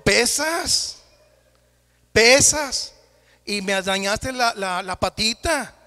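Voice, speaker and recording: Brief: male pastor voicing a small offended female ant in a sermon story, scolding, higher than his usual voice, echoing church hall. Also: expressive, takes it slowly, pushed and bright, exaggerated voice. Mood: indignant. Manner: scolding, indignant. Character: angry hurt little female ant.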